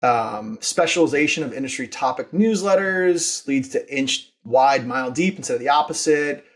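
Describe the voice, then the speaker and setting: In a mid-range voice at a moderate pace, a man appears as a podcast guest and shares stories about his work as a founder. He's casual and emphatic, keeping the interview storytelling informal and enthusiastic.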